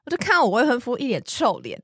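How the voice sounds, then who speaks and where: A woman in her forties chats fast and animatedly, her fairly high voice bouncing around as she acts out what others said. The sound is close and dry, with no room around it. She tells her stories in a co-host's casual chat. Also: husky, dry recording. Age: 40s. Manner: animated storyteller, acts out quotes. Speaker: podcast co-host.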